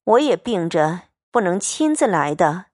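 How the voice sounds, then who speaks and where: A mild, accommodating young noblewoman, as a woman reader puts her on. The voice stays close to the narrator's own, unhurried and melodic, recorded dry and close. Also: fairly low pitch, big pitch swings, darkish tone, no room sound. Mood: gentle.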